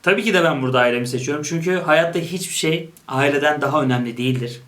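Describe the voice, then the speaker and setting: Casting: playful young man, voice a bit high, casual quiz-video chat, quick to joke. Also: a bit bright. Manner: reads options aloud and jokes about each. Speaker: YouTuber. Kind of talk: casual chat while taking an online quiz.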